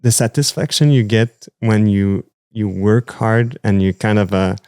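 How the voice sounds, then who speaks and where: Man, quebec french accent, rambling, lots of likes and ums, lowish voice, dry close sound. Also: a little slow, clean tone, dry recording. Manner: rambling, many fillers, animated. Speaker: musician guest. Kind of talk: casual interview chat.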